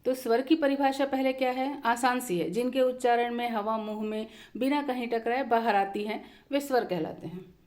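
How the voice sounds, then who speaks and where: A woman teaching a language lesson, repeating definitions slowly and mixing in English terms. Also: a little high, fairly even intonation, darkish tone. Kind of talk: slow explanatory lesson.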